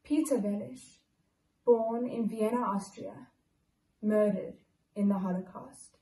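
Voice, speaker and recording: A young woman from South Africa solemnly reading a list of names at a memorial, in a slow, soft recitation. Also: medium pitch, recorded from a distance. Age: young adult. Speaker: memorial reader. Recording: echoey room, away from the mic.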